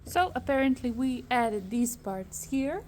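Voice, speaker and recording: A woman with a fairly high voice films and comments in relaxed vlog style. She speaks at a slow pace, with a playful, teasing manner. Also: a little hiss or hum. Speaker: vlogger filming and commenting. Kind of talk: casual vlog chat.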